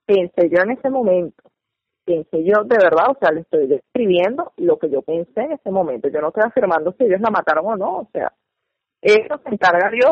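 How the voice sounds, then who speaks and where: Woman, Venezuelan accent, expressive storyteller, radio co-host, dull lo-fi studio sound. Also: medium pitch, husky, no echo. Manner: animated, dramatic storyteller with loud exclamations. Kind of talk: casual radio commentary.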